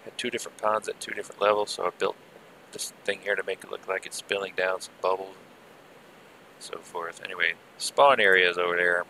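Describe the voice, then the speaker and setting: A man giving casual, rambling live gameplay commentary with muttered asides, heard through low-quality stream audio from an old headset. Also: fairly even intonation, fairly quick, vocal fry, bright, forceful tone, slight background noise. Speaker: game server streamer.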